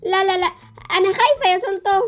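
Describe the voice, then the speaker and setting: A woman's voice: very high voice, racing, faint music behind. A woman voicing a cheeky, fearful little girl in a Roblox series, with an Egyptian accent. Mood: protesting. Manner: sassy, whiny.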